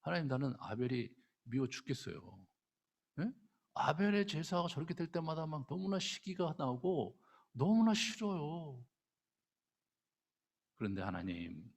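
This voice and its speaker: Casting: a pastor playing jealous young Cain, gravelly husky voice, half-whispered confession. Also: male voice, fairly high pitch, voice pushed up, exaggerated voice. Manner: hushed, confessional, sometimes whispered. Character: resentful jealous young man Cain, brooding. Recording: long church hall reverb.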